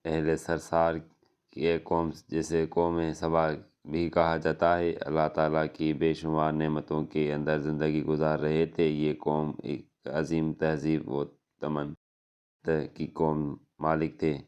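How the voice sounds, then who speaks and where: A man narrating a religious story in a measured, solemn way. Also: rumbling low, completely flat delivery, darkish tone, smooth, dull audio.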